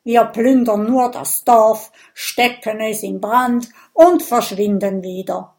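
A woman's voice: fairly high pitch, slow pace, a little mellow. Brief: woman playing happy-go-lucky Viking man, audiobook. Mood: cheerful. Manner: jolly, cheerful. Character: cheerful boastful male Viking warrior.

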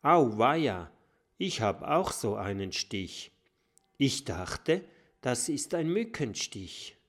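Man doing a quiet, curious little fire dragon. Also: medium pitch, sing-song, slow, soft background music, heavily acted. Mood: musing. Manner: quiet, musing. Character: small, curious young fire dragon boy.

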